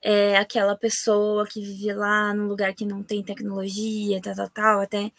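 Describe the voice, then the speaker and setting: This podcast host is a woman with a Brazilian Portuguese accent running a casual interview. She speaks animatedly and emphatically, often exclaiming, in a mid-range voice at a moderate pace with no echo.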